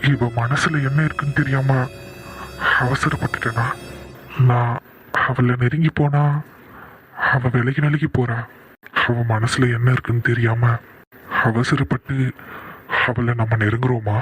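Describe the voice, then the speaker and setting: A man's voice: medium pitch, fairly even intonation, a little slow, long pauses, a bit bright, close to an everyday voice. A man voicing a bossy but affectionate young husband who teases, scolds and coaxes his wife. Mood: tender. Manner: teasing, scolding, coaxing. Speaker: voice actor. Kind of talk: cartoon voice acting.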